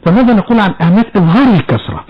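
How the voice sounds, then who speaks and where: A man hosts a radio lesson in a high, quick voice. He introduces each part and puts questions to the teacher. The sound is dull and lo-fi, like an old broadcast. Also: animated, slight background noise. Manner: brisk, prompting questions. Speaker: radio program host.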